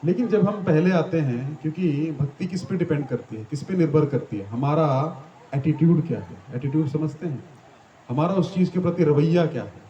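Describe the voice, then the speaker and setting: A man's voice: on the high side, fairly quick, dark tone, highs cut off, a little hiss or hum. A man giving a devotional talk to a gathering in a small temple hall. He explains step by step, asks the audience questions and often ends his sentences with "है ना". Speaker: devotional teacher.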